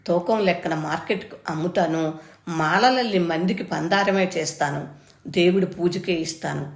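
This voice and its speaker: A woman's voice: fairly low pitch, moderate pace, gravelly. A woman reading a story, voicing a stern old grandmother who scolds her son firmly and with passion. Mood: defiant. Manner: firm, scolding, impassioned. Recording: roomy echo.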